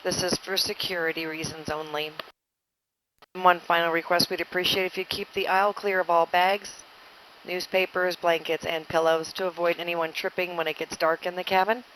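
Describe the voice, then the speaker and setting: This flight attendant's lowish voice holds a level tone at normal speed, fairly bright. She delivers an inflight announcement on the airliner's cabin PA handset, the sound noisy.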